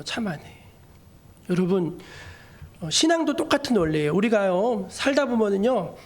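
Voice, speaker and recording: Male pastor, high voice, animated storytelling sermon.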